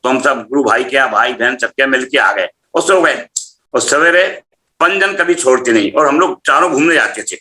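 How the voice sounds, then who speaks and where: Middle-aged man with a bright voice, telling a story. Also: medium pitch, moderate pace. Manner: animated storytelling, acting out dialogue. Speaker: spiritual practitioner telling a testimony. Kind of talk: personal testimony storytelling.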